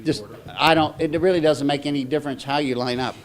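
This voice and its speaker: A man's voice: a little high, fairly even intonation, brisk, slight background noise. An American man administering a rote oath, with informal ceremony directions. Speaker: official administering oaths.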